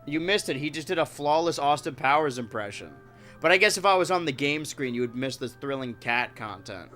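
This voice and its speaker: Hosting a casual live stream, a man with a stuffy nose jokes with his chat and talks to his cats, his fairly high voice bright, forward, expressive and brisk. Soft music plays faintly in the background.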